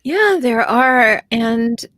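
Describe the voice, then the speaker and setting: A woman guest speaking as a relationship expert on a casual podcast, telling stories in an animated way with many restarts. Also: a little high, very slow, no echo.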